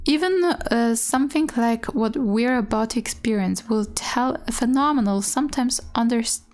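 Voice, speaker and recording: A woman's voice: fairly high pitch, moderate pace, a little mellow, faint music behind. A woman gaming streamer reading game dialogue aloud with casual, candid asides, sometimes stumbling over the words. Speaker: gaming streamer doing a let's play.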